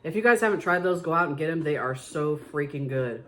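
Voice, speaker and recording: Lady doing a snack review vlog, chatty and excited, lowish voice, kinda talks right at the camera. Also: brisk, slight background noise. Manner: chatty, excitable, addresses viewers directly. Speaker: vlog host. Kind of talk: casual food review chat.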